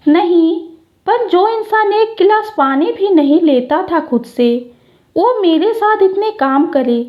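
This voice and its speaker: A woman's voice: very high voice, lively intonation, takes it slowly, muffled recording, exaggerated voice. Woman voicing a hesitant young daughter-in-law. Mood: worried, hesitant. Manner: polite, hesitant, worried.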